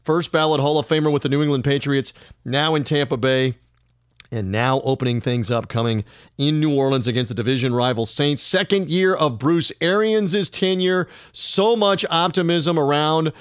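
A middle-aged man hosting a sports podcast alone, with a smooth broadcaster delivery and occasional fillers. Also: fairly high pitch, moderate pace, dry recording, clean studio sound. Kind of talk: solo podcast monologue.

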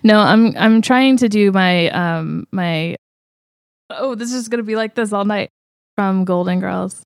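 A woman's voice: medium pitch, measured pace, creaky, smooth, dry recording. Woman player, giggly and self-mocking, dry close recording. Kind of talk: casual tabletop game play.

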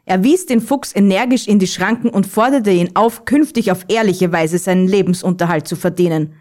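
A woman narrating a Christmas children's story in a calm, even reading voice. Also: medium pitch, normal speed.

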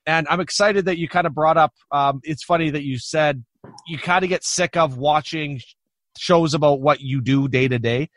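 Higher-voiced man hosting, dry sound. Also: normal speed, a bit bright, dry recording. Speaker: podcast host. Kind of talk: casual interview chat.

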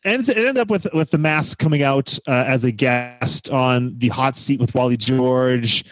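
A man hosting a casual film review chat, recapping in an animated way and stressing key words. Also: mid-range voice, measured pace. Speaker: podcast host.

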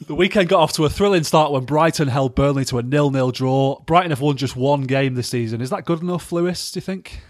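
A man's voice: a little high, a little fast, hardly any pauses, dry recording. A man hosts a football podcast in a dry, close-miked sound, with no room behind him. He poses questions and hands the floor to his guests. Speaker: podcast host. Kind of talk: casual podcast chat.

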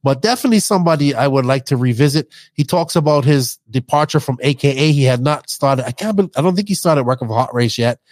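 A male podcast host with a toned-down Bermudian accent talks casually, looking back on past shows. He rambles and corrects himself mid-thought. His mid-pitched voice is recorded dry, with little room sound. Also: expressive, fast, hardly any pauses, darkish tone, dry recording. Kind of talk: casual podcast intro, reminiscing.

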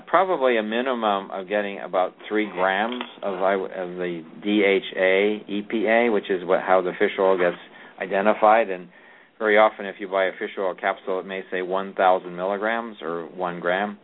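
A low-voiced man with fairly even intonation talks at a moderate pace over a faint hiss or hum. He's a physician on a call-in radio show, offering a caller rambling advice full of fillers and restarted sentences. The audio is tinny, like a phone line on the radio.

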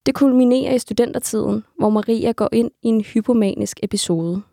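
Woman, scripted documentary narration, measured, dry close sound. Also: on the high side, creaky, mellow, no echo.

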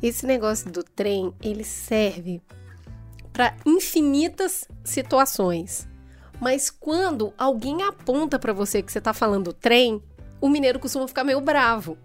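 A woman's voice: on the high side, expressive, a little slow, soft background music. A woman hosting a podcast, chatting casually and telling anecdotes. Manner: chatty, tells anecdotes with acted quotes. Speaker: podcast host. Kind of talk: casual chat.

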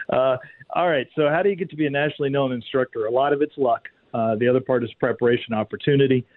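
A man's voice: mid-range voice, quick pace, no echo. A man being interviewed as a guest on talk radio over a tinny phone line, speaking candidly with many filler words. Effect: tinny phone line on a talk radio broadcast. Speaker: guest firearms and martial arts instructor. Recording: narrow phone-line sound, dry.

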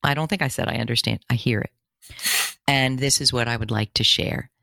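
A middle-aged woman, a career coach, chatting as a guest in an interview and telling stories in lively, quick bursts. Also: rumbling low, vocal fry, no echo, clean studio sound. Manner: animated storytelling, quick bursts. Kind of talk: casual interview chat.

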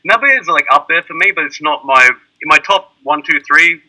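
A man's voice: on the high side, expressive, moderate pace, sharp tone, poor audio. An Australian man chatting casually, rambling through lists with plenty of fillers. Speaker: skateboarding teacher in Japan. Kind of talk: casual chat.

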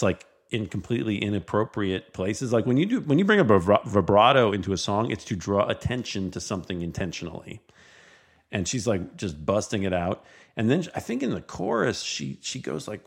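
A man chatting casually about music, animated and swearing, with lots of "you know what I mean". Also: lowish voice, gravelly.

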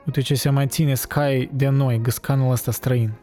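A man's voice: mid-range voice, level tone, warm tone, soft background music, close to an everyday voice. A man voicing an irritable young male poet who talks bluntly and bombastically. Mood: grumpy.

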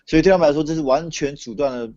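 A man's voice: on the high side, very fast, a little mellow, no room sound. A man from Taiwan with a Taiwanese Mandarin accent explains things conversationally as an interview guest over a remote call. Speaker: interview guest, political commentator. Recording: dull lo-fi remote call audio.

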